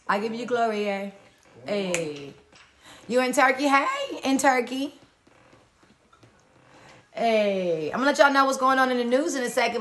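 A woman's voice: mid-range voice, a bit bright, a little hiss or hum. Upbeat woman hosting a morning live stream. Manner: upbeat, colloquial, greets viewers by place; preacherly, encouraging.

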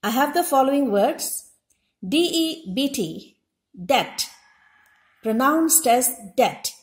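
In an echoey room, a high-voiced woman leads a classroom lesson at a slow, deliberate pace. Her delivery is expressive as she says each example word slowly again and explains it.

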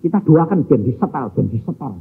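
A man's voice: a little high, fairly quick, a little hiss or hum. A male evangelist preaching a sermon, telling a family story and acting out the voices in it. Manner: animated, acts out family dialogue with Javanese phrases. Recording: phone-like lo-fi sound.

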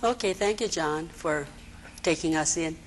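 A woman, an agency director answering TV interview questions in a halting way with many fillers. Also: low voice, slight background noise, low-quality recording. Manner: hesitant, many fillers and restarts. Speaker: executive director of a social services agency, interview guest. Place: TV studio.

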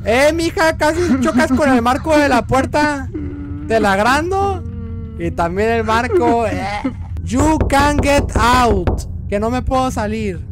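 A young man with a Mexican accent commenting on his gameplay, cracking crude jokes, talking back to game characters and yelling when startled. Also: very high voice, lively intonation, measured pace. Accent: Mexican Spanish. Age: young adult. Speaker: streamer.

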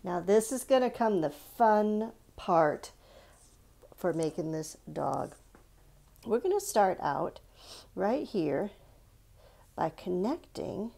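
A woman leads young children through a drawing lesson step by step, using simple, encouraging words and frequently asking them questions. Her voice is lowish, creaky and dark.

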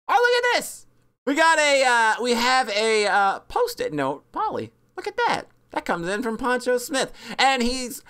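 Woman VTuber, casual stream chat, low-ish voice with big pitch swings, bubbly and self-deprecating. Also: a bit bright. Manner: bubbly, rambling, self-mocking, with sudden squeaky high bursts. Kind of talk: casual stream chat reviewing fan art.

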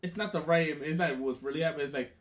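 A man's voice: a little high, racing. A man co-hosting a podcast, speaking earnestly in casual, rambling chat and often repeating himself.

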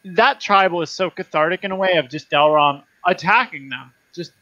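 A man's voice: high voice, a little fast, pushed and bright, no room sound, highs cut off. A man hosting a casual panel chat, emphatic, acting out mocking retellings. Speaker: host.

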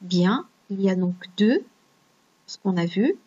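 A woman's voice: mid-range voice, big pitch swings, measured pace, dark tone, husky, muffled recording. A woman teaching a grammar lesson online, patiently explaining step by step and checking in with her students. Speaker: French teacher.

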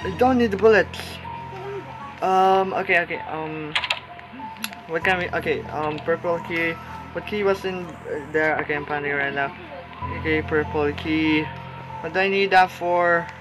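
A young man with a slightly high voice talks his way through a horror game in a jittery, panicky let's-play commentary. He keeps fretting aloud and repeating himself. Loud game music plays behind him. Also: steady tone, normal speed, low-quality recording. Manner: nervous, panicky, repeats "oh no" over and over. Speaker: gaming YouTuber.

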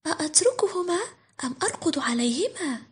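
Storybook mother duck played by a woman: tender-hearted, worried, high-pitched, exclaiming with big swings. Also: big pitch swings, fairly quick. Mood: unsure. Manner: dramatic, exclaiming.

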